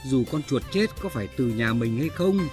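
A man's voice: medium pitch, lively intonation, normal speed, lightly acted. An actor playing an older husband in a radio drama who stammers and then lectures his wife. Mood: reproving. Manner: stammering, reproving. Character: lecturing older husband, calm but exasperated. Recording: music bed under the voice.

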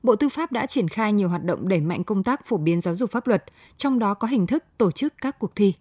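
A woman's voice: mid-range voice, fairly quick, no echo, clean studio sound. Formal female news narrator. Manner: formal, even reading. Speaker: news presenter.

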